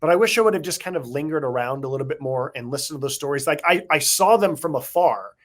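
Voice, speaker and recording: A man's voice: on the high side, expressive, a bit bright. A middle-aged man co-hosting a podcast, a former baseball beat writer, telling casual nostalgic stories in a reflective way. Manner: reflective, nostalgic, drawn-out anecdotes. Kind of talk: casual conversational storytelling.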